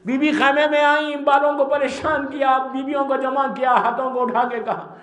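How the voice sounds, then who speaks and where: A male preacher with a very high voice delivers an impassioned sermon to a gathering, slipping English words into his speech. The sound rings around an echoey hall. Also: level tone, a bit bright.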